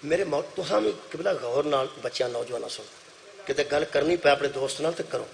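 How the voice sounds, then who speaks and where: Punjabi-accented preacher guy, middle-aged, kinda high gravelly voice, loud then soft, repeats stuff. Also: a little hiss or hum. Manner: storytelling preacher, swings between loud declaiming and soft asides, repeats phrases. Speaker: Shia cleric preaching at a majlis. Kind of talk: sermon. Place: religious gathering before an audience.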